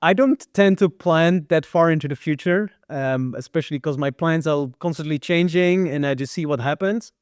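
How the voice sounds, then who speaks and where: A Dutch man with a slightly high voice, his accent partly American, tells stories as a guest filmmaker and hiker in a casual interview. He talks at a moderate pace with few pauses, using lots of fillers and repeated words. His tone is clear and resonant, recorded cleanly in a studio with no room sound.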